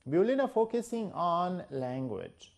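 A man with an Egyptian Arabic accent teaching English to beginners, drawing out his English examples slowly and giving quick explanations in between. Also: high-pitched, sing-song, gravelly.

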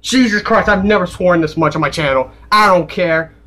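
A young man reacting to a video game trailer, excitable, yelling and cursing. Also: sits high, moderate pace.

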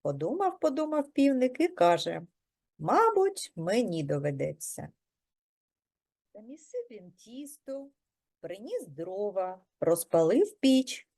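A preschool teacher reading a folk tale aloud to young children in a gentle, expressive storytelling manner. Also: female voice, high voice, measured pace.

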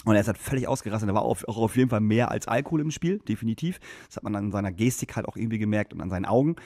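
A man's voice: on the low side, lively intonation, very fast, dark tone, no room sound. A man co-hosting a podcast, telling an anecdote in loose, slangy casual chat and acting out the voices of the people in his story. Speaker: podcast co-host.

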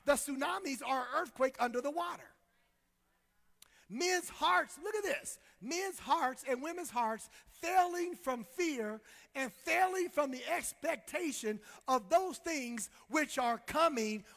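A man's voice: very high-pitched, fairly bright tone, long reverb tail. A male pastor preaching a fiery sermon with call-and-response and lots of repetition. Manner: impassioned preaching, call-and-response, repeats phrases.

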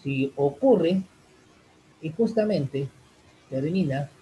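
Man, online english teacher, mellow dark voice, rambling with fillers, faint hiss behind. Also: fairly high pitch, expressive, very slow, rough recording. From Peru. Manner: rambling, full of fillers like "en este caso" and "chicos". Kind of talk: online class Q&A, explaining in Spanish.

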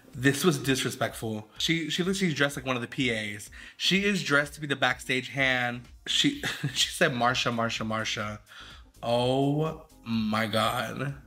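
A man's voice: medium pitch, slow pace, bright, forceful tone, soft background music. A man, a drag queen host, giving sassy, dramatic, shady live commentary while judging a game fashion show.

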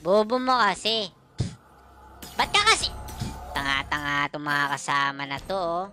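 A woman's voice: low voice, lively intonation, moderate pace, pushed and bright. A woman with a Filipino accent streaming a game live, ranting at her teammates and repeating herself. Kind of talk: live gameplay streaming chat. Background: game sounds and music.

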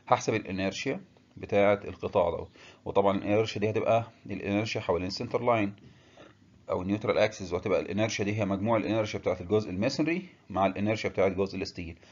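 Fast-talking Egyptian man lecturing. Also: fairly low pitch, highs cut off. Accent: Egyptian Arabic. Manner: explains step by step with frequent filler pauses and English technical terms. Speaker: engineering lecturer. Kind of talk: technical lecture.

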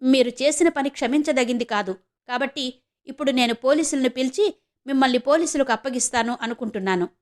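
A woman's voice: high-pitched, brisk, lightly acted. A woman narrator voicing an indignant adoptive mother who scolds in a storybook reading. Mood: scolding. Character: angry, protective adoptive mother, adult woman.

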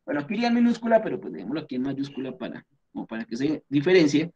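A man's voice: on the high side, very animated, rapid-fire, warm tone, dull audio, a little hiss or hum. A man with a Colombian accent teaching a class, explaining things patiently step by step and often checking in with his students. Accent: Colombian Spanish.

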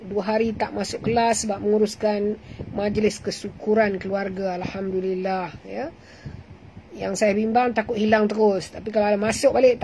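A woman's voice: mid-range voice, warm tone, a little hiss or hum, rough recording. A woman with a Malaysian Malay accent teaching Quran recitation rules in an online class, patiently repeating sounds and correcting pronunciation. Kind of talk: online tajwid class, explaining and demonstrating recitation.

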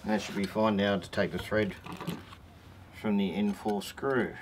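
Outdoors in a driveway and around vehicles, an Australian man in his forties, host of a how-to four-wheel-driving channel, gives a laid-back, slangy, matter-of-fact DIY tutorial. He speaks at a measured pace in a lowish voice with fairly even intonation. Ambient background noise is noticeable.

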